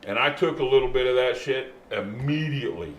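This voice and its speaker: A man's voice: medium pitch, lively intonation, fairly quick. Laid-back stoner man in an echoey room. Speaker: host of a cannabis show. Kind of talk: casual chat. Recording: roomy echo, faint background noise.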